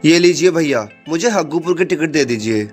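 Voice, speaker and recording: A man's voice: on the high side, lively intonation, normal speed, soft background music. A man voicing an argumentative, indignant woman arguing over a bus fare in a comic skit. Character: brash bickering woman on a bus.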